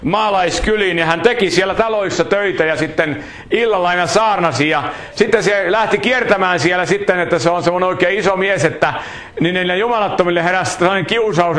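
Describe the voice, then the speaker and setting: A man's voice: sits high, fairly bright tone, reverberant. A man preaching a sermon, telling folksy anecdotes with humor.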